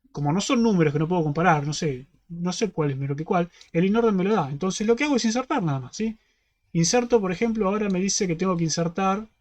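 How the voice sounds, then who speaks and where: Rioplatense male teaching assistant, high voice, methodical step-by-step explainer who keeps checking in. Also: a little mellow. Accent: Rioplatense Spanish. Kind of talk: online class explanation.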